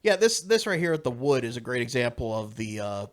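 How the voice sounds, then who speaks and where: A man's voice: medium pitch, big pitch swings, fairly quick. A man chatting casually on a commentary track about a comedy series he made, rambling and laughing at himself. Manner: laughing, rambling, self-mocking. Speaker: co-creator commenting on his show.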